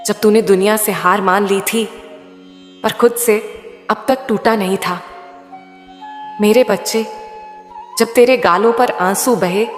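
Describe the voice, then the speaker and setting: A woman voicing a loving, all-knowing mother goddess in a soothing devotional message, speaking slowly and intimately. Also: mid-range voice, steady tone, natural voice. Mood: tender. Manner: slow, soothing, intimate address. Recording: echoey hall with faint sitar music.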